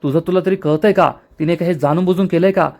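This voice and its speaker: A man's voice: high-pitched, fairly even intonation, quick pace, darkish tone. A man reading the lines of a stern young husband taking charge. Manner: scolding, firm.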